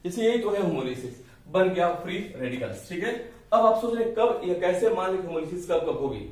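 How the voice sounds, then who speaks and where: A man's voice: high-pitched, lively intonation, a little fast, very echoey, distant mic. A man teaching chemistry in a lecture style, explaining with everyday analogies and often checking in with his students. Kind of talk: classroom lecture.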